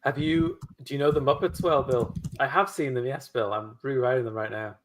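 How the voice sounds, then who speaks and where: A man's voice: mid-range voice, fairly even intonation, a little fast, a little hiss or hum. Man muttering dry asides on a stream. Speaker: co-host of a writing livestream. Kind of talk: casual livestream chat.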